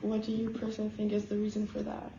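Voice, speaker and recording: A woman's voice: medium pitch, completely flat delivery, fast, gravelly, muffled recording. Brief: teen girl, friendly informal interviewer, far from mic, noisy echoey room. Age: teens. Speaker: student interviewer. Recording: roomy, distant, loud noise.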